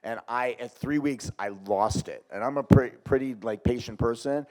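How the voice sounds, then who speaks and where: A middle-aged man leading a workshop for a live group, animated and shifting between loud and quiet. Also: medium pitch, normal speed. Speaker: workshop leader.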